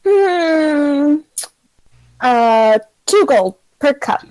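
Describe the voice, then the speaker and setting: Elf barmaid for a fantasy tavern game , played by a woman: high, casual, obliging, a touch hesitant. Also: expressive, very slow, darkish tone, no room sound, heavily acted, low-quality recording. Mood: casual, mildly amused.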